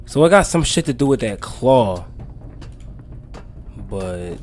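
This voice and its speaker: A man's voice: mid-range voice, sing-song, slow, a little mellow. A young man, a scared horror game streamer, giving casual, slangy, profane commentary as he plays. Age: young adult. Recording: clear game ambience noise behind.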